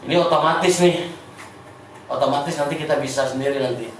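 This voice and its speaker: A man's voice: on the high side, steady tone. Sundanese-accented man teaching in echoey room. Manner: repeats words, halting, chatty. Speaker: informal English teacher. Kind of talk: casual classroom teaching. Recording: echoey room, distant mic, faint noise.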